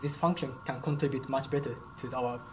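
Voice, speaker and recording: Young man, Japanese native speaker, careful halting phrasing, lab noise behind. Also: mid-range voice, steady tone. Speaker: product specialist. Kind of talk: answering interview questions. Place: company lab, indoors.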